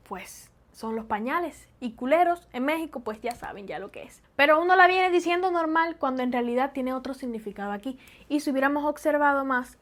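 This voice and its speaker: High-voiced Cuban woman vlogging. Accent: Cuban Spanish. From Cuba. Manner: animated, laughs often, acts out loud fast speech. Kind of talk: casual vlog monologue.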